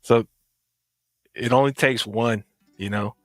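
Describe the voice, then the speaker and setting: A man's voice: medium pitch, fairly even intonation, takes it slowly, dry recording, faint music behind. A man co-hosting a casual podcast, speaking encouragingly and repeating his words. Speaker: podcast co-host.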